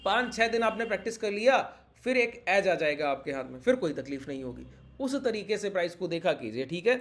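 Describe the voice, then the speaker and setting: High-voiced man teaching trading. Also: big pitch swings, fairly quick. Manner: insistent, repeats points, keeps asking if it is clear. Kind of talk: chart-walkthrough lesson.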